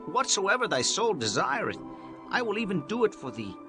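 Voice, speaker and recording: A man's voice: high-pitched, very animated, moderate pace, music in the background. A man playing an earnest, pleading young man of ancient Israel in a dramatized Bible reading with archaic diction. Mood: earnest, reassuring. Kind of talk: dramatized scripture acting.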